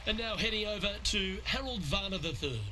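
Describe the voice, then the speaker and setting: A man working as the lead golf commentator in a sports video game, calling play in a measured, composed broadcast style. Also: sits high, expressive, background noise. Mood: composed, approving.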